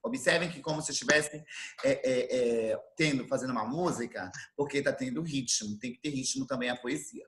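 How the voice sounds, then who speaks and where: A man from Brazil teaching an online class, explaining things slowly and repeating his definitions. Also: mid-range voice, a bit bright, a little hiss or hum. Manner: slow, didactic, repeats definitions. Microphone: computer mic on video call.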